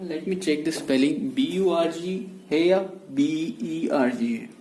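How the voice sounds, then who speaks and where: A man giving a medical lecture in a mix of Hindi and English. He explains slowly and repeats key terms. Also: fairly high pitch, dark tone. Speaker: medical teacher. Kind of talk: whiteboard lecture. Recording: echoey room with faint noise.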